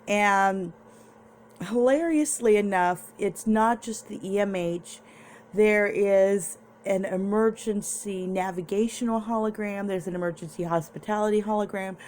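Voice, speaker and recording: A young woman talks through a TV episode in a relaxed home vlog, her voice a little low for a woman. She takes her time, drifting and restarting as she recaps. A faint hum sits under her voice. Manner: chatty, meandering, with restarts. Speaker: vlogger reviewing a TV episode. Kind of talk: casual recap and review.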